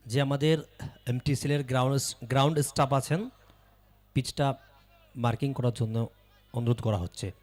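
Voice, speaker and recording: A man making live cricket match announcements in a loud, projected voice. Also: medium pitch, steady tone, normal speed, pauses often, faint music behind.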